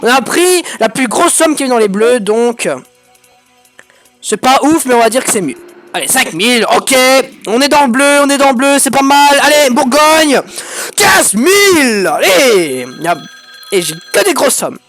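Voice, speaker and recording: A man giving excitable, crude let's-play commentary as a gaming YouTuber, breaking into sudden shouted outbursts. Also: extremely high pitch, normal speed, soft background music.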